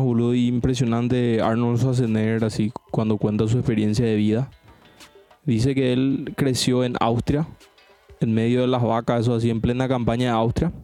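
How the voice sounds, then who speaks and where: A man's voice: medium pitch, warm tone. A man, co-hosting a casual podcast among friends and rambling through stories with casual swearing. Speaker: podcast co-host. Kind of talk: casual chat between friends.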